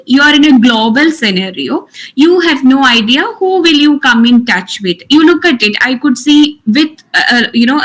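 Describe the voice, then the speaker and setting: A woman's voice: on the high side, fairly bright tone, low-quality recording. A woman teaching an online workshop, instructive, restating her points for emphasis. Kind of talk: interactive lecture.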